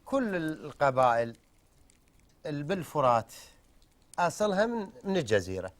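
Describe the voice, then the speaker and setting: A man's voice: a little high, big pitch swings, normal speed. A man from the southern Iraqi desert with a Bedouin Arabic accent, talking as a guest in a conversational interview. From southern Iraqi desert around Samawah. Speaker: guest, tribesman and amateur Nabati poet.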